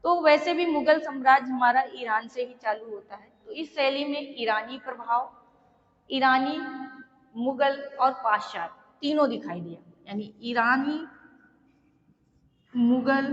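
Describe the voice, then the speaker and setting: Woman teacher reading out notes slowly, kinda high voice, dull sound with a long echo. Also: a bit bright. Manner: slow, repetitive dictation with frequent checks. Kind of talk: exam-prep art history lecture.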